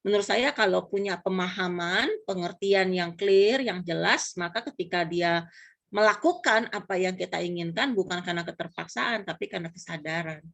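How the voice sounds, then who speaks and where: Brief: middle-aged woman, casual church talk guest, patient and explanatory, lively when quoting. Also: lowish voice, normal speed, creaky. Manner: relaxed, explanatory, lively acted-out quotes. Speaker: pastor's wife and mother, guest.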